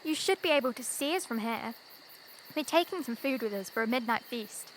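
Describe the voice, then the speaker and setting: A woman's voice: fairly high pitch, expressive, a little fast, a little hiss or hum, lightly acted, rough recording. Young woman as haughty twin girl Pauline. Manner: haughty, dismissive. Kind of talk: youth theatre audio play.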